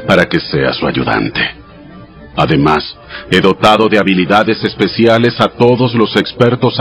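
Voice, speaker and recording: The Almighty in an audio Bible drama. The voice is deep and grave, speaking with solemn authority as he gives commands. Soft music runs behind it. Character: God, solemn commanding male deity giving laws.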